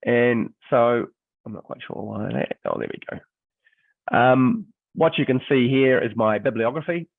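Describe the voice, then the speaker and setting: Croaky from illness, this middle-aged New Zealand man gives a webinar presentation as a history teacher and textbook author, medium in pitch, very animated yet unhurried. He is hesitant, full of ums and restarts, and his video-call audio sounds dry and phone-like with no echo.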